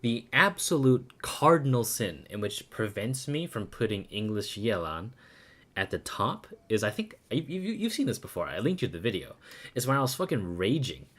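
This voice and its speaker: Animated, low-voiced man chatting casually. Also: normal speed. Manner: animated, sweary. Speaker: streamer reviewing game voice dubs. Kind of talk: casual opinionated chat.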